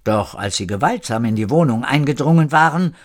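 Lively male storyteller. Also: medium pitch, brisk. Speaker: narrator. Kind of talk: storytelling narration.

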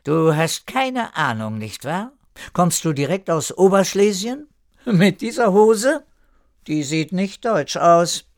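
A man's voice: high voice, sing-song, takes it slowly, no echo, studio quality, pitched above the performer's own voice, exaggerated voice. A man voicing a bossy, suspicious but kindly village woman who scolds and probes with questions in an audiobook. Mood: brisk.

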